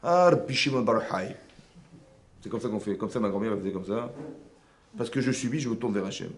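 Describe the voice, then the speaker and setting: Animated rabbi teaching a class. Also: male voice, lowish voice, brisk. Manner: animated, rhetorical questions, frequent checks on understanding. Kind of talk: lively religious lesson with questions to the audience. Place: seminary classroom.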